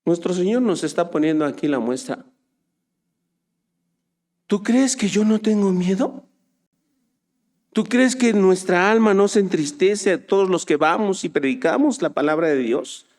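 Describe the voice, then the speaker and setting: A man preaching a sermon, swinging from soft low asides to loud, urgent exhortation. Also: lively intonation, measured pace, long pauses.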